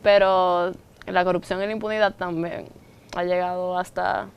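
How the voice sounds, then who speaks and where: A woman's voice: fairly low pitch, level tone, normal speed, vocal fry, clean tone, lo-fi sound. A young Dominican woman appearing as a talk show guest, speaking earnestly and stopping to search for her words. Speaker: guest, youth campaign member.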